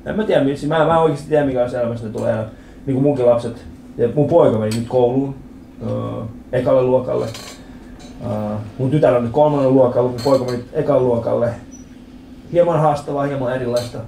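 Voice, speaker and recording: A man in his thirties doing a stand-up comedy set in a club, telling stories with animated acted-out voices and lots of swearing. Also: medium pitch, gravelly, slight background noise. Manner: animated storytelling, acts out quoted voices, swears freely. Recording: roomy club with audience laughter.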